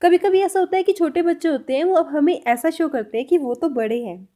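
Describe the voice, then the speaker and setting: A woman language teacher with a fairly high voice and a dark tone runs a spoken lesson aimed straight at her viewers. She explains things clearly and patiently, reading each example sentence slowly and repeating it.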